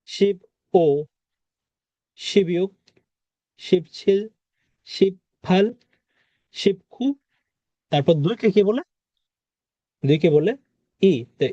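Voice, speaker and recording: A man's voice: high voice, mellow, no echo. Patient man teaching vocabulary, dull sound. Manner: patient, repeats and quizzes the listener. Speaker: Korean language teacher. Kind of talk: vocabulary lesson.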